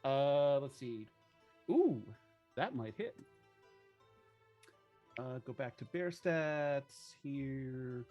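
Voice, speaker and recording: A man's voice: medium pitch, lively intonation, drawn-out words, long pauses, warm tone, faint music behind. A man chatting casually as a tabletop game player, joking and muttering through his numbers.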